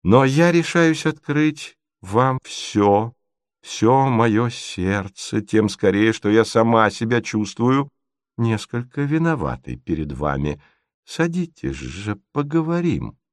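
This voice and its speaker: A man voicing a scheming middle-aged lady who speaks in a soft, hushed, sorrowfully sweet tone in a storybook reading. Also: medium pitch, sing-song, a little slow, no room sound, studio quality. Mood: soothing.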